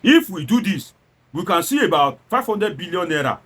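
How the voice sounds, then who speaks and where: Very animated at a normal speed, a man with a Nigerian accent mocks politics in a high, slightly bright, somewhat rough voice. He throws out rhetorical questions with theatrical flair and mixes standard English with Pidgin.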